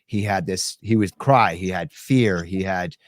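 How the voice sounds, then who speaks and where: A man hosting an interview, asking measured questions and murmuring agreement. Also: low voice, no echo. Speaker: interview host. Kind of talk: conversational interview.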